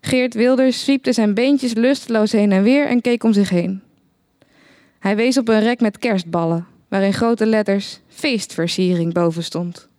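A woman narrating a satirical short story in the first person, with a dry, deadpan manner. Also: medium pitch, measured pace, dry recording.

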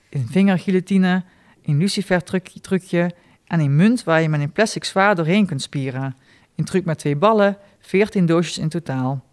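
Man reading a story, dry and deadpan. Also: on the high side. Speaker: storyteller reading his own stories. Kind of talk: live reading of short stories.

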